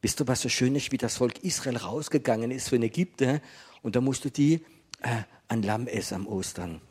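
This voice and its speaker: A man preaching to a congregation in a gentle, conversational way, often asking his listeners questions. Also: medium pitch, moderate pace, breathy edge. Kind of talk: sermon to a congregation.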